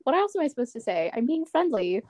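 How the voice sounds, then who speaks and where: A young woman telling friends an animated story in casual chat, swearing and acting out quotes. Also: sits high, fast talker, over a noisy crowd.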